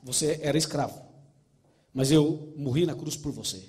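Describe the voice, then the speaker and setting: A Brazilian man voicing Jesus in a sermon, speaking in a quiet, tender, plain way. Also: on the high side, normal speed, voice pushed down, lightly acted. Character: Jesus, calm loving male savior.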